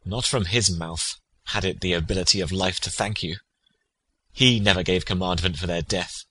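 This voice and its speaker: An actor playing a loyal, grieving noble friend of a prince in Shakespearean tragedy, with solemn, measured declamation. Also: male voice, low voice, bright, forceful tone, husky, heavily acted, poor audio. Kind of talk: Shakespearean tragedy audio acting.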